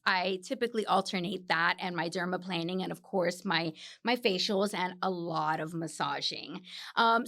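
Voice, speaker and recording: A woman from Miami talks as a guest in an interview, explaining treatments eagerly. She often pauses with fillers, and her voice sits at an ordinary middle pitch. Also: fairly bright tone. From Miami, United States. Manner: enthusiastic, explanatory, frequent "um" fillers. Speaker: guest, facialist and clinical esthetician. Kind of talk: conversational interview answers.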